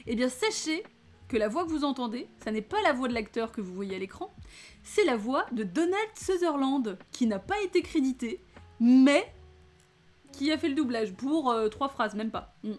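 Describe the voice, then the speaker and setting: A woman from France giving a casual, chatty film debrief, laughing often and filling pauses with hesitations. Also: high voice, lively intonation. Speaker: film reviewer. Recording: faint music behind.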